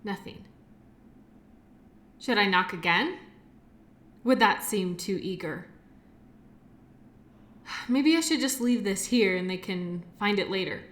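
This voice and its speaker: A woman speaks slowly with long pauses, her medium-pitched, fairly bright voice full of lively intonation. She plays a kindly but shy and awkward medical worker addressing the listener in an audio roleplay, rambling and apologizing in a nervous, musing way.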